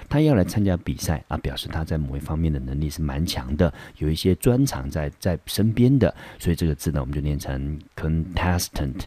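A man's voice: deep voice, mellow, dry recording. A man with a Taiwanese Mandarin accent teaching English vocabulary in a classroom lesson. He explains patiently and keeps starting his sentences with a filler word.

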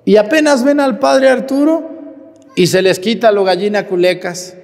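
A man preaching a sermon as priest, animated and joking, firing rhetorical questions at the congregation. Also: high voice, moderate pace, vocal fry, in a large hall.

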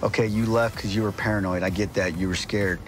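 Low-voiced policeman questioning a suspect. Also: fairly even intonation, fairly quick, over music. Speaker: police officer.

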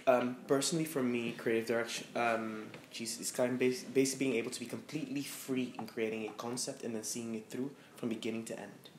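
With a steady tone and medium pitch, this guest speaks fast with few pauses to a small live audience. He's a fashion stylist in his thirties from Amsterdam, Netherlands, candid and reflective with many fillers, heard in a roomy, echoing space with faint noise.

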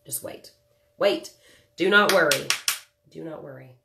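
A woman in her thirties speaks low and a little slowly, her voice gravelly and nasal from a cold, with background noise in the clip. She's doing her makeup on a livestream in a small room at home, chatty and joking, calling out viewers by name.

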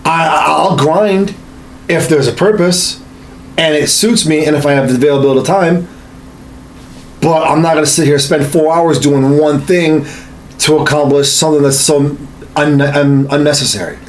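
In a small indoor home studio, a podcast host in his thirties chats casually about games, swearing, emphatic and repeating himself. His voice is a little high at normal speed, with a slight hiss or hum on the recording.

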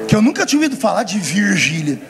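A pastor telling a comic story in a sermon, animated and often laughing. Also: male voice, high-pitched, moderate pace, over music.

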